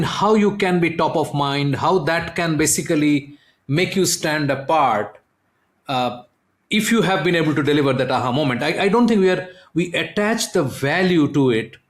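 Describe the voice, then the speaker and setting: A man hosting a podcast interview, talking thoughtfully and repeating words as he reaches for his point. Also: on the high side. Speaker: podcast host. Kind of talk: conversational interview. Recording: echoey room.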